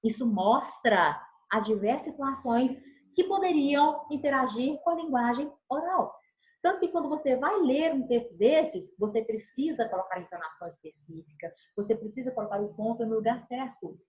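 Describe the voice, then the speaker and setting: A woman's voice: fairly high pitch, moderate pace, echoey room, low-quality recording. A woman teacher, giving a recorded video lesson and gesturing as she explains. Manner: animated, gestures while explaining; acts out tones of voice as examples. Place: room, recording alone.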